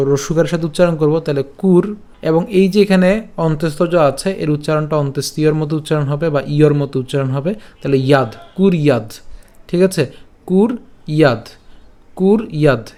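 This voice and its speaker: A man's voice: on the high side, a little mellow. Patient man teaching Sanskrit pronunciation. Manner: patient, repeats each syllable, checks understanding. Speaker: scripture recitation teacher. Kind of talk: slow syllable-by-syllable pronunciation lesson.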